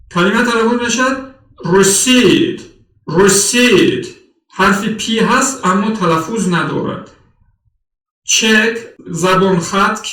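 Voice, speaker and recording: High-voiced man teaching phonetics. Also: a bit bright, reverberant, distant mic, poor audio. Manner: slow, deliberate dictation of example words. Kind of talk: recorded language lesson.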